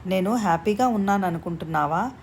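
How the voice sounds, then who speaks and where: A woman's voice: mid-range voice, a little fast, a little hiss or hum, natural voice. A woman reading the lines of a flustered young bride who scolds and teases her friend. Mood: rueful. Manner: teasing, scolding.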